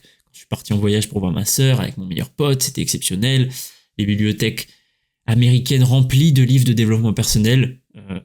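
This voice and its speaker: Young French man, relaxed solo podcaster, chatty, stops and restarts, mid-range voice. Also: medium pitch. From France. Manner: relaxed, chatty, many fillers and self-corrections. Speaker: podcast host, writer and coach. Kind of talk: casual solo podcast talk.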